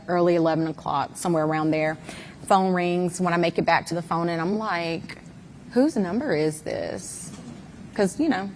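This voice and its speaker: A woman with a somewhat low voice, speaking as an interview guest. She recounts events candidly and emphatically, with frequent fillers and restarts, over a faint background hiss. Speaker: interview guest, mother of a missing son.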